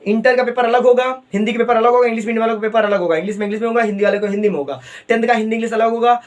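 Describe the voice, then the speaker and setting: A man with a fairly high voice, teaching chemistry to coaching students. He talks to them fondly as "beta" and drags out key terms syllable by syllable so they can note them down. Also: steady tone. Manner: calls students "beta", repeats terms slowly, mixes English phrases.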